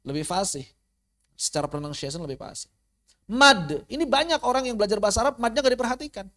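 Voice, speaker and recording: An Indonesian man teaching tajwid and Arabic pronunciation in an online lecture, lively, sounding out words to show them. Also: high-pitched, fast. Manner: animated, demonstrates pronunciations, mock-quotes students.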